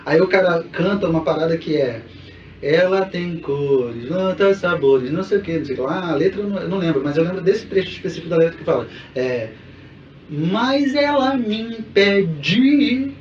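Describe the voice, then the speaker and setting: A man co-hosts a casual podcast and explains things in a relaxed way, often laughing. His voice is a little high. The recording is dull, roomy and distant, with faint background noise. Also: racing, few pauses. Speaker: podcast co-host. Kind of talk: casual chat. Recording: echoey room, distant mic, dull sound, faint noise.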